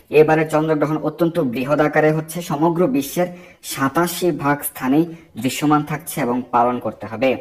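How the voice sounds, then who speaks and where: Man, devotional instructor, firm didactic delivery, slow measured mantra chanting, mid pitch. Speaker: Vaishnava religious instructor.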